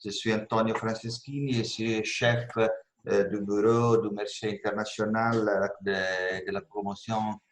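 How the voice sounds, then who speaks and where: A man with an Italian accent speaking non-fluent, halting French as he formally introduces himself on a webinar. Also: on the low side, little pitch movement. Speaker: trade association official introducing himself. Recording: roomy video call, faint noise.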